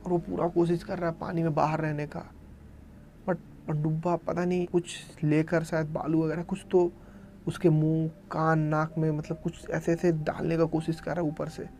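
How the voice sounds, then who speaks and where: Brief: male horror storyteller, gravelly and dark, flat delivery. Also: a little high, normal speed, slight background noise. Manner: retells events in present tense, dramatizing quoted cries. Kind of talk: casual spoken storytelling.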